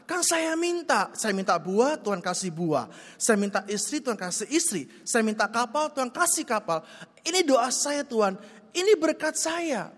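A preacher doing a shipwrecked man who begs God in a high, whiny voice and then turns smug and indignant when he is challenged. His lines rise well above the preacher's own pitch. A long reverb rings behind the voice, as in a church. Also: steady tone, moderate pace. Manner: whiny pleading, indignant self-justifying.

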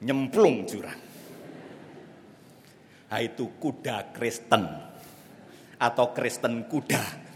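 A man preaching a sermon, telling a story dramatically and swinging between loud calls and hushed asides. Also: mid-range voice, takes it slowly, long pauses, slight background noise. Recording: long reverb of a large hall.

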